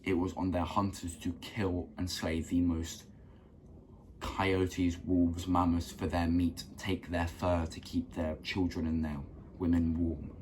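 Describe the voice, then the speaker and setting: A young man giving an earnest motivational talk to camera, repeating phrases for emphasis and clearing a rough throat. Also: low-pitched, flat delivery, slow, darkish tone, a little hiss or hum. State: keeps clearing his throat. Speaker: self-improvement vlogger.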